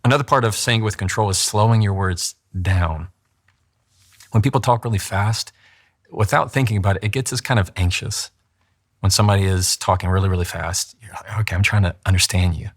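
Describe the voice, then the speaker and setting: In an interview, a male attorney who coaches people on communication speaks briskly in a somewhat low voice. He moves into examples as he explains, acting out how other people talk and demonstrating pacing.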